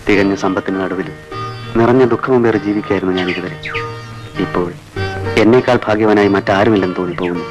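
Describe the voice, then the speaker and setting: An actor playing a young man softly in love, earnest and gentle. His voice sits low, with clear film music playing underneath. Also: steady tone, quick pace, long pauses, dull audio, close to an everyday voice. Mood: tender. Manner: soft, earnest romantic delivery. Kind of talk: 1980s film drama dialogue.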